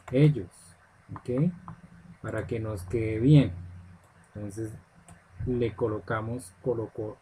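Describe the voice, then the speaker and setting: A man's voice: mid-range voice, dark tone, slight background noise, rough recording. A man teaching English grammar step by step in a screen-recorded lesson, often checking in with "ok?". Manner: patient step-by-step explaining, checks in with "ok?".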